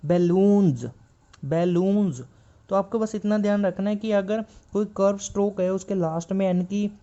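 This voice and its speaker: Man, shorthand teacher, patient, repetitive explaining, warm mellow voice, muffled lo-fi sound. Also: sits high. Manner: patient, repeats each point several times; reads English textbook lines slowly. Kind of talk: classroom explanation.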